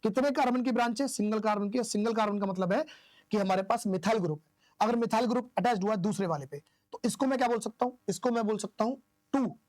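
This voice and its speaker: A man's voice: high voice, fast, a little mellow, no echo. Hindi-speaking male chemistry teacher, dry sound. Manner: asks questions and answers them himself, counts aloud. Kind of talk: classroom lecture explaining isomer naming.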